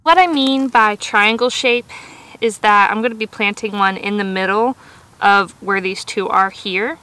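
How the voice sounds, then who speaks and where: Her voice is medium in pitch, unhurried, bright and forceful as she explains her gardening tasks conversationally on an outdoor vlog. She's a woman in her thirties, and the poor-quality recording carries faint music plus clearly audible outdoor sounds.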